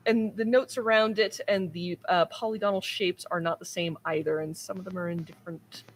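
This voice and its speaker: A woman acting as game master, describing scenes in an unhurried way with frequent pauses and ums. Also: fairly low pitch, fairly even intonation, a little hiss or hum. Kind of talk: narrating a tabletop game.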